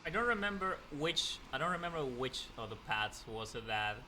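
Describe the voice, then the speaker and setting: Bright-voiced man thinking aloud while gaming. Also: medium pitch, big pitch swings, normal speed, slight background noise. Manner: casual, hesitant, thinking aloud, laughs. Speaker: let's play gamer. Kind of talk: thinking aloud over gameplay.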